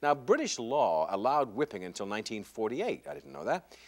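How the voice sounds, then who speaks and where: A man in his thirties hosts a television game show. His medium-pitched voice swings widely up and down, and his manner is wry and conversational, with ad-libbed asides. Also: sing-song, fairly quick. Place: television studio. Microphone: lapel mic.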